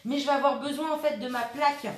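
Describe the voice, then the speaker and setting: A woman's voice: high voice, steady tone, quick pace, reverberant, slight background noise. A woman hosting a scrapbooking tutorial, talking casually and hesitantly with many fillers while she works at her craft table. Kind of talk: casual step-by-step craft demonstration.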